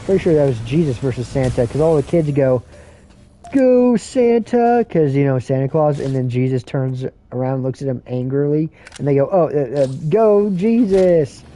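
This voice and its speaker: A man's voice: mid-range voice, fairly even intonation, a little fast, hardly any pauses, dark tone, a little hiss or hum. A man streaming a game, rambling and swearing through a casual rant. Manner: rambling, profane, ranting. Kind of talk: casual rambling commentary while playing.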